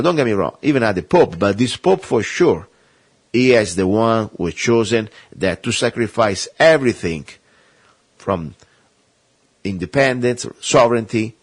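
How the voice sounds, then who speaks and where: Husky-voiced man ranting on talk radio. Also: fairly low pitch, dry recording. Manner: emphatic, rambling, impassioned. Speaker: radio talk show host.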